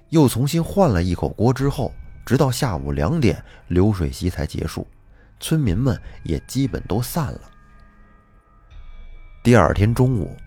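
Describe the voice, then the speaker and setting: A man's voice: on the low side, breathy edge. A man telling a folk tale in the first person as a storytelling host. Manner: lively, animated first-person narration. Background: faint background music.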